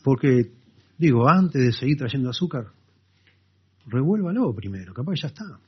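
A man with an Argentine accent preaching a sermon as a pastor, telling stories in a conversational way with lively asides to the congregation. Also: medium pitch, moderate pace, breathy edge. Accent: Argentine Spanish. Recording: dull lo-fi sermon recording.

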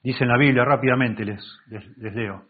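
Male pastor, expository sermon, husky voice, narrow phone-like sound, restarts words as he explains. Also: medium pitch, moderate pace. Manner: reads scripture aloud and explains it, with many self-corrections. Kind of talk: Bible-teaching sermon. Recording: tinny phone-like recording.

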